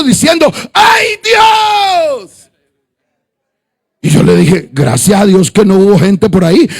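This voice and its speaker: A male pastor preaching a sermon, telling stories in quoted dialogue and rising into shouted, singsong fervor. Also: extremely high pitch.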